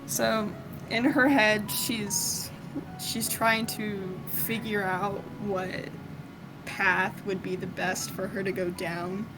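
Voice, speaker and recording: A woman player in a tabletop game talks casually and slowly, hesitating as she thinks aloud. Music is clearly heard behind her. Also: mid-range voice, flat delivery, low-quality recording. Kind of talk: casual tabletop role-play chat.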